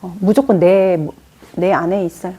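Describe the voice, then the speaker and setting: A woman teaching a class on fortune-telling in an informal lecture, telling lively stories with acted-out quotes and asking her students questions. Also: lowish voice, normal speed, breathy edge. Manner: chatty, poses questions to the class. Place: lecture room.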